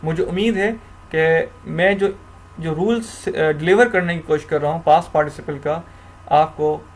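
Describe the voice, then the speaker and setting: This male teacher, whose voice is slightly high, explains grammar rules one step at a time at a normal pace. He switches between Hindi and English and frequently restarts or repeats what he has just said.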